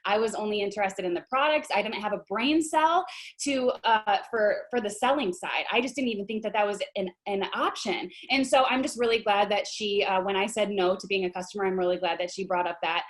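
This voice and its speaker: A young woman in her twenties, hosting a business video call in a bubbly, excited way with frequent fillers. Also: mid-range voice, fairly quick. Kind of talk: casual livestream talk.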